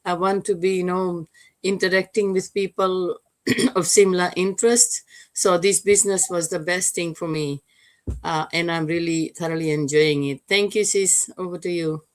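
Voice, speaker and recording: Retired lady from fiji, sixties, lowish voice, easygoing intro as co-host. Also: fairly even intonation, moderate pace. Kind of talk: self-introduction on an online show. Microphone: video call.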